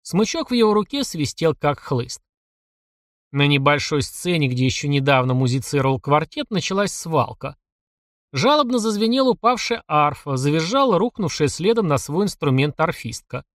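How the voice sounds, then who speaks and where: A man reading a story aloud in expressive scripted narration. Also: on the high side, normal speed, no room sound, studio quality. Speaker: audiobook narrator.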